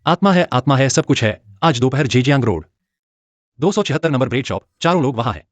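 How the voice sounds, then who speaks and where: A man's voice: medium pitch, lively intonation, fairly quick, no echo, close to an everyday voice. An actor dubbing a determined young man in a TV drama, speaking firmly and insistently. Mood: eager. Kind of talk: Hindi dub of a TV drama.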